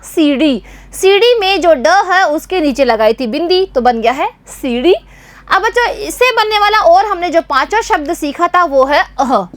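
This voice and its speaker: A woman teaching young children to write letters, speaking slowly and clearly, repeating and quizzing them patiently. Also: high-pitched, a bit bright, no room sound. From Rajasthan, India. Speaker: primary school teacher. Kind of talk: slow, clear Hindi writing lesson for young children.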